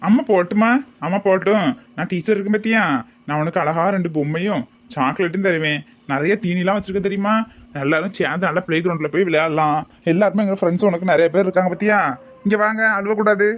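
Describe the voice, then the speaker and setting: A man playing a brisk, sharp-tongued kindergarten teacher. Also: high voice, natural voice. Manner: brisk, bossy, quick to threaten. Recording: dull lo-fi sound.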